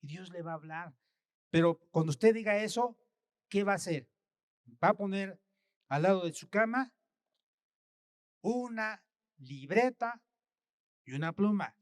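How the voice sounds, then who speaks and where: High-voiced preaching man, dry close sound. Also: expressive, unhurried, long pauses, no echo. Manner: swings from loud emphatic scripture reading to soft murmured asides. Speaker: pastor. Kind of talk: sermon.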